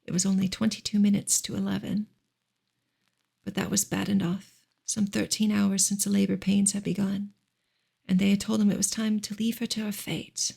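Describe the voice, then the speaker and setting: An ASMR reader and livestream host softly reads a classic novel aloud, audiobook style. Her breathy, husky voice has creaky fry at the edges, and her gentle, measured delivery keeps to an even, narrow pitch.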